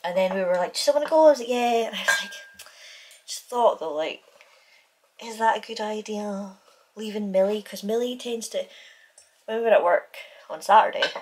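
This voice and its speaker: A woman in her thirties with a British accent, chatting casually to a handheld camera at home. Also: medium pitch. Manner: chatty and rambling, scolding her dog playfully. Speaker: vlogger. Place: home kitchen and living room. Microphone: handheld camera at arm's length.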